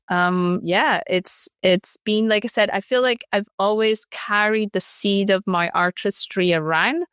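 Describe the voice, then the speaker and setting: A woman in her thirties from Ecuador, an artist, reflects aloud as a guest in a conversational interview, often restarting sentences and using fillers. Her mid-range voice is a bit bright, clear and resonant. The studio recording is clean, with no room sound.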